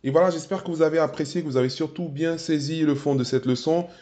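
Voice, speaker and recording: A man's voice: fairly high pitch, fairly even intonation, quick pace, warm tone. A man with an Ivorian French accent teaching a language lesson, patiently repeating each word several times. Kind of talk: slow spoken language lesson.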